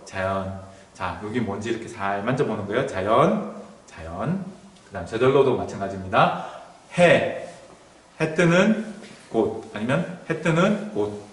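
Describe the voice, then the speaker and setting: A man teaching a beginners' sign language class, explaining each sign slowly and demonstrating as he talks. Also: medium pitch, reverberant. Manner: slow, explanatory, drawn-out words while demonstrating signs. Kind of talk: recorded sign language lesson. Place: indoor room at a welfare center.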